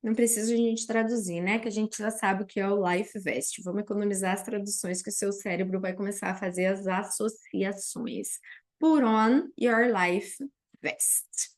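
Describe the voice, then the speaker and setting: A young woman from Paraná with a Brazilian Portuguese accent, teaching English vocabulary and slowly repeating each word for her students. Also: medium pitch, level tone, a little mellow. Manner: drills English words slowly and repeats them for learners. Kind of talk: online vocabulary lesson.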